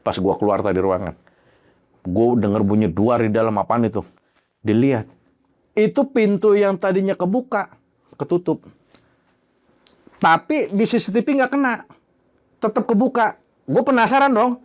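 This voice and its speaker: A man telling his own horror story in a casual, slangy way. He swears freely and acts out the bangs and creaks he heard. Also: high voice, moderate pace, long pauses. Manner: animated, imitates sounds like bangs and creaks.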